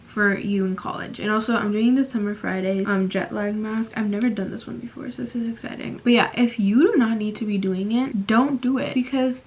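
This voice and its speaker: A teenage girl in casual vlog chat, talking fast and filling her talk with "like", giving advice to viewers from her phone. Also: a little high, fairly even intonation, dull audio. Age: teens. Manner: chatty, fast, lots of "like" fillers. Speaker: vlogger. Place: bedroom at night. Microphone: phone at arm's length.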